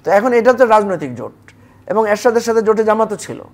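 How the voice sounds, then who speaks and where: A man's voice: sits high, lively intonation, quick pace. A man debating politics as a guest on a television talk show, arguing with rhetorical questions.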